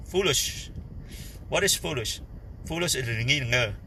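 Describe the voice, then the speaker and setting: A man with a Khmer accent from Cambodia teaches the Bible informally, speaking slowly and haltingly. His voice is bright and forceful as he searches for words in his second language. A faint ambient noise sits behind him. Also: medium pitch, expressive. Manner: halting, searching for words in non-fluent English. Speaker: lay preacher.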